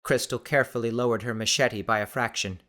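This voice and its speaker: A man narrating an audiobook in a steady, measured storytelling voice. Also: mid-range voice. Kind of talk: scripted narration.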